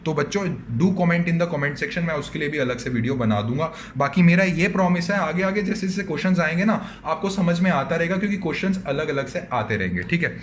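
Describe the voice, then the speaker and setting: Indian teacher man, slightly high voice. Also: expressive, brisk, hardly any pauses, slight background noise. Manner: talks to students as "बच्चों", voices their questions in reply. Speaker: commerce teacher. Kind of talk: online accountancy lecture.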